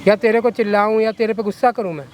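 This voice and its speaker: A man's voice: high-pitched, fairly even intonation, fast, slight background noise, natural voice. A man playing a corrupt, coercive lawyer who talks down to a girl in a coaxing, threatening way. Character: corrupt scheming male lawyer, menacing and coercive. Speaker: villain in a short film.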